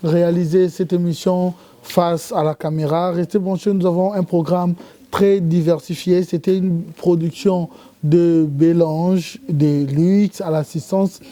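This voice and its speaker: A man's voice: high voice, fairly even intonation, a little slow, dark tone. A male talk show host asking direct, pressing questions and closing the show. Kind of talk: interview hosting.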